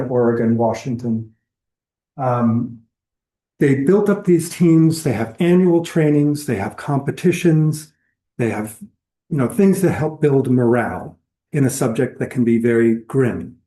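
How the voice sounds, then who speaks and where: In a lecture hall, this lecturer on whale entanglement response talks to the public in a conversational, explanatory style, running through examples along the way. He has a warm, mid-range voice with a roomy sound.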